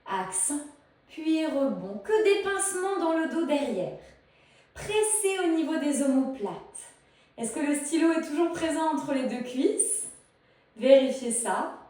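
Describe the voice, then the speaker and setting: A woman's voice: sits high, expressive, a little slow, darkish tone. A woman instructor leading an online pilates class in French, counting out reps and giving short commands. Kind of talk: guided fitness class instruction. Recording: echoey room, voice from afar.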